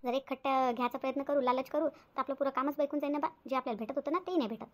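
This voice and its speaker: A woman's voice: high-pitched, very fast, lightly acted. A woman voicing a scheming young wife in a cartoon, sly and whiny, pleading with fake tears. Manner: wheedling, fake-tearful pleading. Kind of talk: cartoon voice acting.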